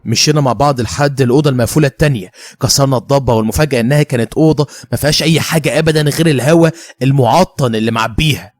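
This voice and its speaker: Fast-talking Egyptian male storyteller. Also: medium pitch, no echo. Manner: brisk, conversational storytelling. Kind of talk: dramatized first-person story narration.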